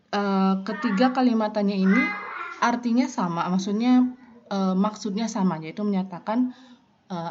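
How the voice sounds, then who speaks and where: A woman explaining French grammar step by step in an online lesson, with frequent fillers. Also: mid-range voice. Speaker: French teacher. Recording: dull lo-fi audio with faint noise.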